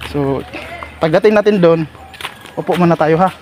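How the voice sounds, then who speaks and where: High-voiced man coaxing gently on a walk. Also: moderate pace, slight background noise. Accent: Agusan del Sur Filipino. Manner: coaxing, repetitive, gently encouraging a companion. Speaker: vlogger host. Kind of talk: casual walking vlog. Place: outdoors on a street and court.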